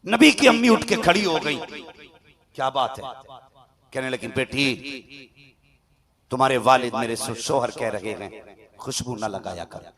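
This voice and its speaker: A man's voice: medium pitch, expressive, unhurried, pauses often. A man preaching a sermon, telling a story to a live gathering and rising into dramatic outbursts. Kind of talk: Urdu-Hindi religious sermon. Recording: crowd noise at a live gathering. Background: crowd of listeners.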